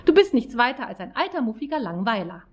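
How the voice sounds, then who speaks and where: A woman voicing a defiant young dancer, high and scornful. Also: sing-song, quick pace. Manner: shrill, scornful.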